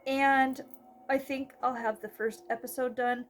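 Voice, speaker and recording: A woman's voice: high voice, steady tone, a little slow, slight background noise. A middle-aged American woman from North Dakota hosting spooky stories in a casual, rambling, informal chat with her followers. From North Dakota, United States. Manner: rambling, informal, swears freely. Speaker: horror storytelling host. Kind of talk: casual spooky storytelling vlog, chatting to followers.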